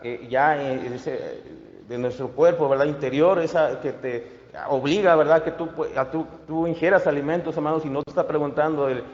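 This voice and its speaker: A male pastor giving a sermon, halting with many fillers and restarts. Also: on the high side, darkish tone. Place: church. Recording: echoey hall, dull lo-fi sound.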